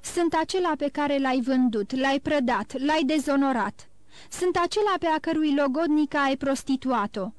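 A woman's voice: high voice, expressive, dry recording. A woman voicing a vengeful male count who speaks in a somber, solemn way, in an audiobook. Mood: accusing. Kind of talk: audiobook reading.

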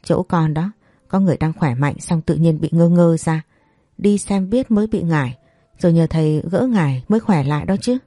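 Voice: mid-range voice, normal speed, dark tone, no echo, clean studio sound, close to an everyday voice. The narrator voicing a chatty, superstitious housemaid who talks eagerly and persuasively.

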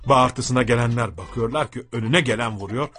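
A man telling a humorous story aloud in a lively, dramatic manner. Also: mid-range voice, fairly quick, husky, faint music behind.

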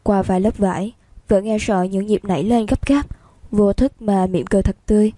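Mellow-voiced woman reading a romance novel. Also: medium pitch, steady tone, brisk, no echo. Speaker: story narrator. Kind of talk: scripted narration of a romance novel.

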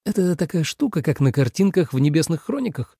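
A man's voice: on the high side, very animated, a little fast, mellow, husky, no echo, studio quality, voice pushed up, full character voice. A man voicing a touchy, prim young female fox demon in a storybook reading, speaking reproachfully. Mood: curious. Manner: reproachful, indignant.

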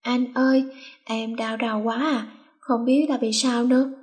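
A woman's voice: on the high side, flat delivery, unhurried, faint music behind, lightly acted. A woman doing a scheming sassy schoolgirl. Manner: bossy, mock-sweet when acting.

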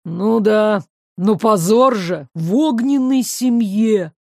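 A woman's voice: mid-range voice, unhurried, darkish tone, no room sound, clean studio sound, close to an everyday voice. A woman voicing a proud, hot-tempered male fire spirit who grumbles and sulks, in a storybook reading. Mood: grumbling. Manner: grumbling, sulky.

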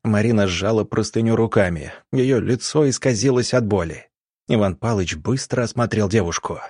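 A man narrating an audiobook in a tense, measured storytelling manner. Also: on the low side, a little mellow, dry recording, clean studio sound.

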